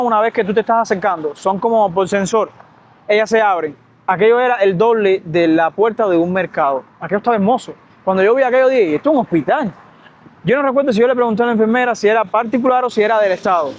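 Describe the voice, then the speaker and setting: A young Cuban-accented man races through a storytime vlog in a high, bright voice. He talks while walking outside near a street, with faint traffic in the background. The sound is slightly dull. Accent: Cuban Spanish. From Cuba. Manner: fast, lively storytelling. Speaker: doctor and vlogger.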